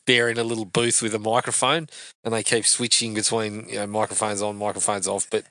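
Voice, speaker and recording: Man, relaxed chatty co-host, bright voice, dry studio. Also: on the low side, brisk, dry recording. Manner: laid-back, chatty, laughing. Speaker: podcast co-host. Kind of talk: casual movie commentary.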